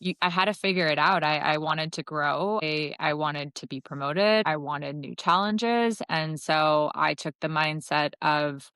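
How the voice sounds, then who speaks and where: A middle-aged woman from Connecticut talks through her career as a podcast guest, pausing to rephrase as she goes. Her voice sits low and sounds smooth and clear. The sound is dry and close. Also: a bit bright, dry recording. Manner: thoughtful, self-correcting, with light laughs. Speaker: marketing executive guest. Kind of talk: casual interview talk.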